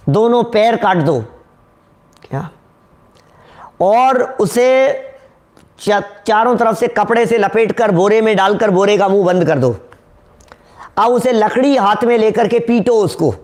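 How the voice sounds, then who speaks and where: A man giving a devotional sermon, asking his listeners questions and sometimes singing verses slowly. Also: sits high, darkish tone. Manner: rhetorical, questions the audience, sings verses slowly. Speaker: Jain preacher.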